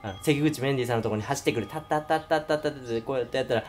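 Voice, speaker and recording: A man's voice: medium pitch, racing, soft background music. A man retelling a horror film in a casual review monologue, acting out scenes with sound effects and voices. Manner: animated storytelling with sound effects and acted voices.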